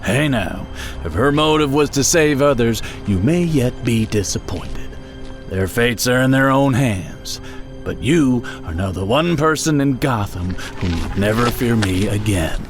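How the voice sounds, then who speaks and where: An actor playing a menacing, gloating criminal clown in an audio drama, with a taunting, theatrical delivery. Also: male voice, medium pitch, expressive, unhurried, soft background music, close to an everyday voice. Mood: taunting menace. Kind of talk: audio drama villain acting.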